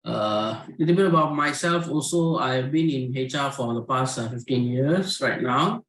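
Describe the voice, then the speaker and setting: A man's voice: medium pitch, normal speed, a bit bright, a little hiss or hum. Easygoing man guest in a roomy call. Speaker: panel guest, HR business partner. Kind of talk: casual panel chat.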